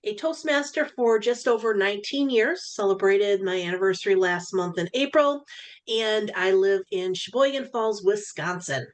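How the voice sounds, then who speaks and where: A woman's voice: medium pitch, normal speed. A woman giving a short self-introduction in an online meeting, plain and factual. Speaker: meeting participant.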